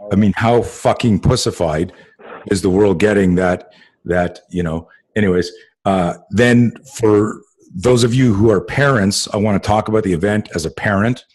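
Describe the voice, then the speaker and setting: A man's voice: fairly low pitch, moderate pace, a little mellow, husky. A man hosting a casual group call, rambling with many fillers and swearing freely. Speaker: podcast host.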